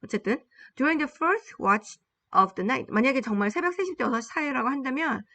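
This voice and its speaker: A woman teaching a Bible-based English lesson. She explains in Korean and reads English sentences slowly and deliberately, repeating phrases for learners to follow. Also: sits high, lively intonation, a bit bright.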